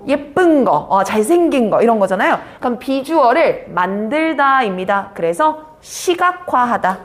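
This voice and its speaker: A woman teaching an English vocabulary class, brisk and teasing, quizzing students by name. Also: a little high, sing-song. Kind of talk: live online vocabulary class.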